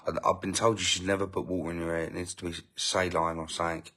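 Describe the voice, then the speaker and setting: Feeding his baby as he talks, a man hosts a relaxed family-channel live stream, welcoming viewers and responding to comments. His low voice sounds pushed and bright with a flat delivery, and he talks fast, rambling, cutting himself off, and tossing in indignant asides.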